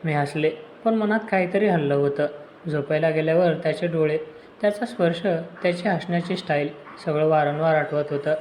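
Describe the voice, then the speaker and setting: Male storyteller, steady pacing, slightly high voice, roomy recording with faint hiss. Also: fairly quick. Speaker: story narrator. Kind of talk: first-person audio story narration.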